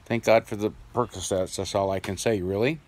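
A man's voice: on the low side, steady tone. A middle-aged man speaking through new dentures with an occasional lisp, rambling casually with fillers in a video diary. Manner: plain-spoken, rambling, pausing with fillers. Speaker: vlogger.

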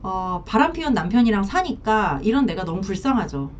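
A woman counselor giving advice to camera in a casual, animated way, sometimes acting out what spouses say. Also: mid-range voice, brisk, distant mic, highs cut off, a little hiss or hum. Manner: animated, acts out spouses' lines in quotes. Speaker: marriage counselor.

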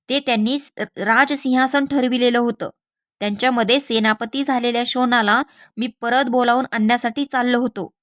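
A woman reading a novel aloud as an audiobook, in a measured and expressive storytelling manner. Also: fairly high pitch, no echo, clean studio sound. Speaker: audiobook reader. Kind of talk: literary audiobook narration.

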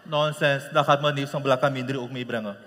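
A man's voice: medium pitch, fairly even intonation, fairly quick, fairly bright tone, natural voice. A man playing a casual, placating young husband with a Surinamese Dutch accent in a live stage comedy. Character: young husband, easygoing and soothing. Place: large concert hall stage. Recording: long hall reverb, faint noise.

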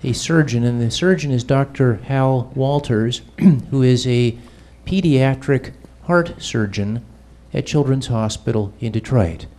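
This time the pastor's medium-pitched voice sounds a little mellow. The middle-aged man, handheld mic in hand, slowly introduces a guest speaker in a church hall, pausing with fillers.

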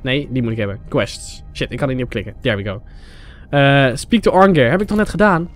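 A young Dutch man casually commentating his gameplay for viewers, excitable and chatty, often tossing in English phrases. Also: medium pitch, fairly quick, faint music behind. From Netherlands. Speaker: gaming YouTuber. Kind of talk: Let's Play commentary.

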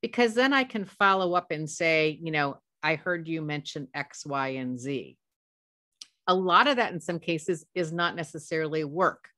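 Low-voiced woman presenting on a headset. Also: moderate pace, a bit bright, no room sound, clean studio sound. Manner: conversational, anecdotal, self-corrects often. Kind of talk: professional development webinar talk.

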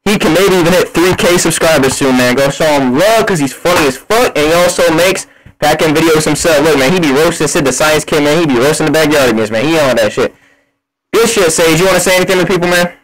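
A man's voice: on the high side, fast, poor audio. A man hosting a livestream with a voice changer on his voice, hyping things up in loose slang and repeating himself. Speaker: livestream host. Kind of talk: hyped casual livestream talk.

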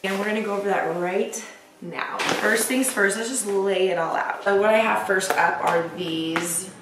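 A woman's voice: medium pitch, moderate pace. A woman in her twenties chatting upbeat through a grocery haul vlog in her home kitchen, filmed from a few feet away. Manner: chatty, upbeat, says y'all. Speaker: lifestyle vlogger. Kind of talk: casual vlog chat. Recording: echoey room, mic at a distance, noisy.

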